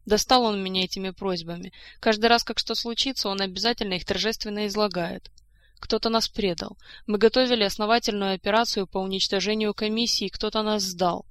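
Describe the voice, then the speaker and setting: A woman's voice: medium pitch, fairly even intonation, a little fast, fairly bright tone, clean tone, dry recording, lightly acted. A woman voicing a grieving, despairing adult king who speaks in long, weary, bitter outpourings.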